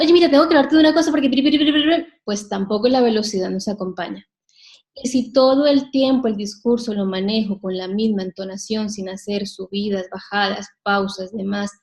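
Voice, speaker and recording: A woman leading a live sales workshop, talking straight to her audience with frequent questions and shifting her pace and loudness to stress points. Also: mid-range voice. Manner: addresses the audience directly with frequent rhetorical questions. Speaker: sales trainer.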